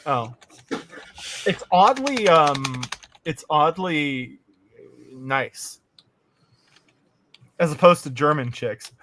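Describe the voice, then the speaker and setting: A man's voice: on the high side, lively intonation, very slow, pauses often, a bit bright, a little hiss or hum. A man from Quebec hosting a live stream, chatting crudely and joking with viewers and a guest. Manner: crude, joking, bilingual banter. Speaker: stream host. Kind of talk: casual live-stream chat.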